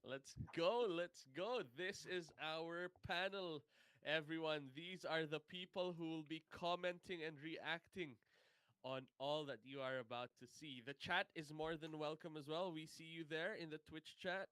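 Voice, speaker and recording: An upbeat man hosts a live panel stream and hypes up his guests. His voice is smooth and slightly high. It sounds dry and close. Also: fairly even intonation, a little slow, fairly bright tone, dry recording. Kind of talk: hosting a live panel show.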